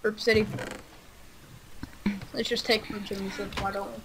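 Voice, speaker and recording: A woman's voice: medium pitch, level tone, normal speed, a bit bright, slight background noise, poor audio. A woman chatting casually with a friend while they play a game together on a headset. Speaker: gamer co-host. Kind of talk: casual gaming chat.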